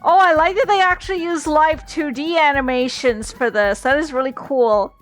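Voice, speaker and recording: A young woman streams and comments on a game in a casual, chatty way. Her voice sits on the higher side. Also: normal speed, soft background music. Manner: chatty, reacting as she plays.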